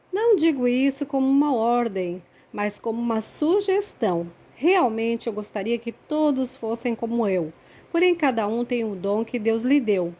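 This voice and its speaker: A woman with a Brazilian accent reads scripture aloud for young listeners. Her voice sits a little high. She phrases each sentence in a measured, clear way, as a reader would. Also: darkish tone. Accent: Brazilian Portuguese. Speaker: Bible reader for children. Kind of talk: read-aloud scripture reading.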